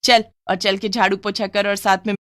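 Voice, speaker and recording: A woman's voice: medium pitch, level tone, normal speed, fairly bright tone, no room sound, studio quality, lightly acted. A woman voicing a scheming middle-aged aunt in a cartoon, syrupy one moment and barking harsh orders the next. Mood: harsh bossy.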